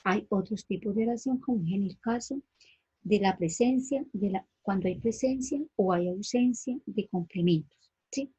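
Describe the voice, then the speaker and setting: A woman's voice: medium pitch, moderate pace, mellow, husky, dry recording, poor audio. A woman teacher explains grammar in a patient online lesson, often checking with "¿sí?".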